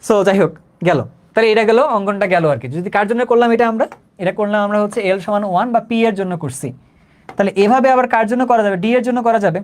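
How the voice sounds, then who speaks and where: Fast-talking young Bangladeshi chemistry teacher. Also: male voice, high voice. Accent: Bangladeshi Bengali. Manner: conversational, keeps checking if students understood; says he talks slowly, repeats himself. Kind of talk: live online class.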